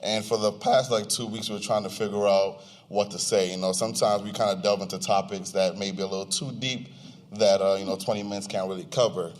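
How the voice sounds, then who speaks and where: A young American man of Nigerian descent co-hosting a podcast talks a little fast, his fairly low voice fairly even in intonation. Informal and slangy, he addresses a live audience at an event venue, in a slightly distorted recording.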